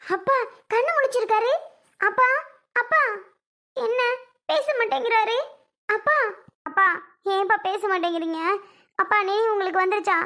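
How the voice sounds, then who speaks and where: A woman doing a tearful young daughter in a cartoon family serial, very high and bright, begging her father again and again. Her words come in soft, repeated pleas. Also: normal speed, pauses often, heavily acted. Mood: pleading. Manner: pleading, repeated calls of "appa".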